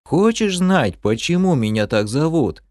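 A man's voice: on the high side, sing-song, a little mellow, no echo, studio quality, voice pushed up. A man doing a dreamy, drawling bald elf. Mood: placid. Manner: drawling, placid, unhurried. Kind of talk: audiobook character voice.

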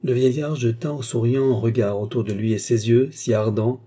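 Casting: male narrator, very dark and husky tone, steady storytelling. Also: mid-range voice, moderate pace. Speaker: audiobook narrator. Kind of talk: scripted narration of a classic novel.

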